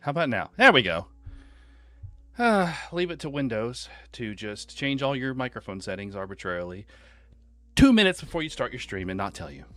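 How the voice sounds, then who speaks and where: A talkative man streams a game from home and chats loosely with his viewers, greeting them by name as he goes. His voice sits at a middle pitch, and soft music plays under him. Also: very animated, normal speed, no echo. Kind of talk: casual live-stream chat.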